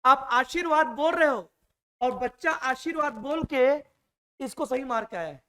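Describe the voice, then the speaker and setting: A man's voice: very high-pitched, normal speed, pushed and bright. A man teaching a Hindi exam-prep class in a classroom. He repeats each point and keeps checking that his students follow. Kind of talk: classroom lecture.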